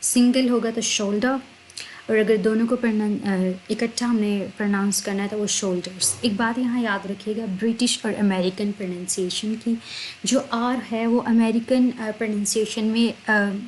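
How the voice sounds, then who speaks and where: Woman, teacher, repeats words slowly, faint background noise. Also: medium pitch, fairly even intonation, a little mellow, rough recording. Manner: slow, drawn-out spelling of words, repeats each word twice. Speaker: English teacher. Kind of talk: vocabulary lesson in Hindi.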